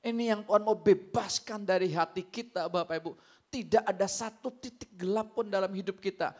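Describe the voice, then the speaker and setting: A male pastor preaching a sermon, telling stories, acting out the people in them and asking the congregation to agree. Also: high voice. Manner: storytelling, acts out quoted voices.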